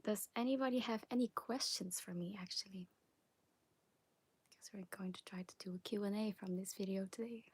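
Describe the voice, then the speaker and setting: A young woman from Belgium with a Flemish accent, hosting a live question-and-answer stream, talking softly and often whispering, a little nervous. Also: medium pitch, fairly even intonation, normal speed, breathy edge. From Belgium (Flanders). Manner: soft, partly whispered chat, nervous and giggly. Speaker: ASMR creator. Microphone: phone on a wobbly stand.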